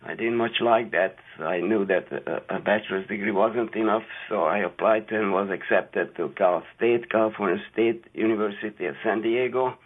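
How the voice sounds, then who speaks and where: An older man from Hungary, a guest scientist on a radio interview, talking haltingly with many fillers. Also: lowish voice, husky. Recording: tinny phone-like radio audio.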